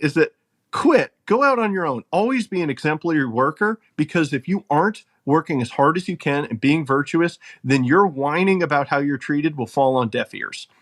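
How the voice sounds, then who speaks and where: A man with a fairly high-pitched, fairly bright voice appears as a podcast guest in a casual conversational argument. He makes his case emphatically and earnestly, laughing between points.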